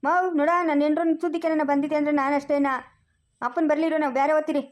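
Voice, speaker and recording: A woman's voice: high voice, fairly even intonation, rapid-fire, darkish tone. A woman acting a son who argues for his wife in an amateur family drama, insistent and argumentative.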